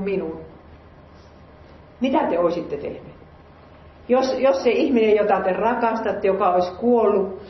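Reading from the Bible and adding sermon commentary, a woman who serves as a lay preacher speaks earnestly and asks her audience questions. She has a mid-range voice. The audio sounds roomy and muffled, with slight background noise.

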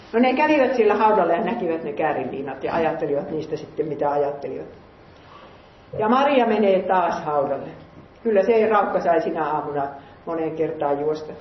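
A woman's voice: lowish voice, a little hiss or hum. A woman reading scripture aloud and musing on it in an earnest sermon, asking her listeners questions. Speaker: lay preacher. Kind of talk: Bible reading with sermon commentary. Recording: roomy, muffled recording.

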